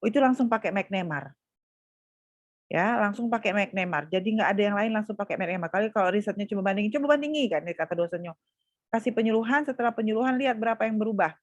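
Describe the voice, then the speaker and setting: A woman's voice: medium pitch, quick pace, no room sound, highs cut off. A woman university lecturer teaching statistics over a video call, calling on students by name and patiently prompting them to answer.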